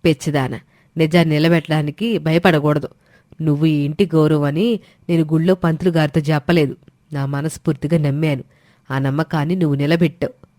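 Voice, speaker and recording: A woman voicing a proud, stern middle-aged mother-in-law in a storybook drama, speaking forcefully. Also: low-pitched, steady tone, brisk, no room sound, clean studio sound, close to an everyday voice. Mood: tender. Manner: forceful, scolding.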